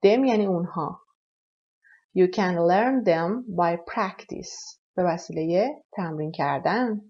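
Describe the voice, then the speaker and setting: A woman's voice: fairly low pitch, a little mellow. Woman teaching English phrases. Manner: repeats English phrases slowly and clearly, explains quickly in Persian. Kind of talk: language lesson, slow model sentences. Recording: slightly dull, lo-fi sound.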